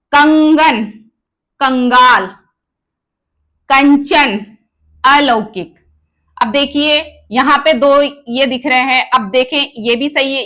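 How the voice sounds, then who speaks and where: Female Hindi grammar tutor with a Rajasthani accent, high voice, unhurried, works through exam options and quizzes the class herself. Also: sharp tone. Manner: asks the class questions and answers them herself; spells out words slowly, option by option. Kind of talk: exam-prep lesson.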